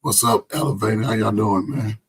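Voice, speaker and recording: A man hosting a casual show with a hoarse, strained, nearly gone voice, sounding tired and drained. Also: on the low side, moderate pace. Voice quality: raspy, strained. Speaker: show host and basketball coach. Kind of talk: casual group show talk.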